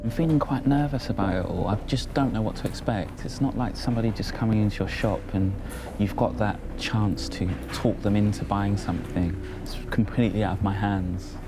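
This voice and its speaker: A man's voice: lowish voice, brisk, few pauses, music in the background. A man who works as a dealer, talking casually to camera. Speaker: second-hand dealer.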